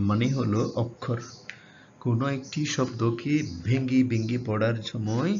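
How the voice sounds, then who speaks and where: A man teaching English grammar to students. He draws out the English example words slowly and asks the class questions. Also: medium pitch, a little mellow. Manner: addresses students directly, asking questions. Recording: dull lo-fi sound with faint hiss.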